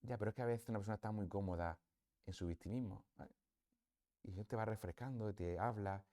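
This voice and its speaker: A man's voice: fairly low pitch, fast, dark tone. A man with a Spanish accent giving a parish talk on prayer, conversational and reflective, often adding tag questions. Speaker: priest. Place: parish hall or church.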